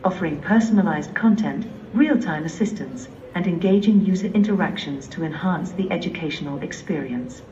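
A synthetic female voice of a humanoid robot giving smooth, measured, polite replies in a large museum hall. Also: on the low side, mellow, slight background noise. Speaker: humanoid robot answering visitors. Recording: dull, echoey, distant in a museum hall.

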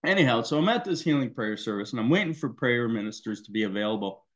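A male pastor giving a personal testimony in a worship service, in a conversational, halting way with many fillers. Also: mid-range voice, expressive, highs cut off.

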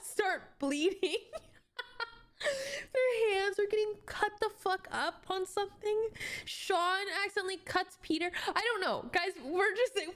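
A woman casually recounting a wild story, animated and profane, laughing as she tells it. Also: very high-pitched. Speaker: streamer telling a travel story.

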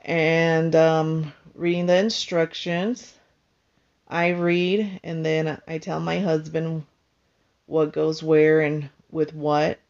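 Slow, low-voiced woman narrating a home vlog. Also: flat delivery, a little mellow, dull audio. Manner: unhurried, explains step by step with many pauses. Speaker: vlogger. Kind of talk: casual voice-over narration.

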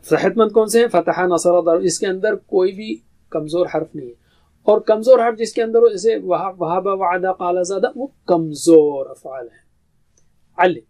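In a classroom grammar lesson, a male teacher with a high-pitched, darkish voice explains patiently, posing his own questions and then answering them.

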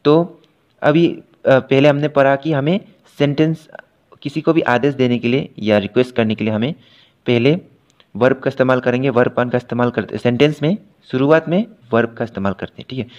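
A male teacher walks a class through a grammar lesson in a patient, repetitive way, checking in with the students again and again. He reads each English example slowly and then translates it. His voice sits at a middle pitch, and the recording is dull and lo-fi. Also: a little mellow.

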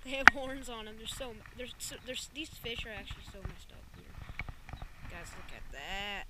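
A woman talking excitedly outdoors by a pond, calling out to her viewers again and again, filmed on a wearable action camera. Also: fairly high pitch, moderate pace. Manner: excitable, keeps saying "guys". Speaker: fishing vlogger. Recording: distant mic with loud outdoor noise.

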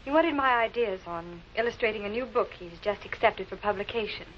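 An American-accented actress plays a poised woman in a 1940s American television murder mystery, explaining in a guarded way. Her medium-pitched, natural voice is a little fast, heard through a muffled old film soundtrack with music and a little hiss or hum.

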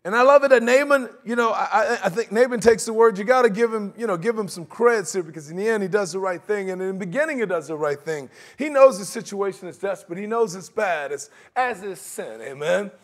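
A man's voice: high-pitched, lively intonation, a little fast, hardly any pauses. A middle-aged man preaching a sermon in a large church sanctuary, talking in a conversational way and slipping into mocking voices for his examples.

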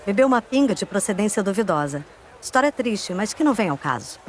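An actress playing a sly, breezy, daring circus performer in a dubbed video game. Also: female voice, medium pitch, sing-song, fast talker, slight background noise, natural voice. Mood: wry, persuasive.

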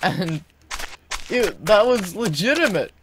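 A man giving let's play commentary on his own gameplay, excitable and self-mocking, who chatters to himself and to things in the game. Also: high-pitched, takes it slowly, slight background noise. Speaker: gaming video host.

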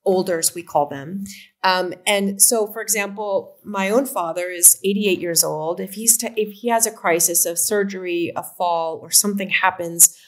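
On a webcam video call from home, an Oregon woman in her fifties with an American accent chats through a casual interview as a company's co-founder. She speaks in a lowish voice at a moderate pace, gesturing animatedly throughout.

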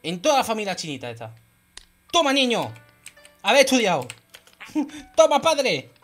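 A woman with a Spain Spanish accent giving excited gameplay commentary, often shouting and laughing. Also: a little high, moderate pace, faint music behind. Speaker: gaming youtuber.

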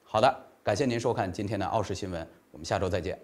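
Formal male news anchor, low-pitched voice. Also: fast. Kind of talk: formal scripted news reading. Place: small indoor studio. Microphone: lapel mic.

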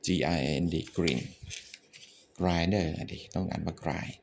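A man with a Thai accent, teaching English vocabulary in a relaxed way, thinking out loud and swearing offhandedly. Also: deep voice, slow, gravelly, noisy background. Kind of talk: casual spoken vocabulary lesson.

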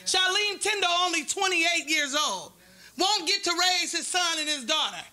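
A woman giving forceful, defiant public comment at a podium microphone in a meeting hall, full of rhetorical questions. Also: extremely high pitch.

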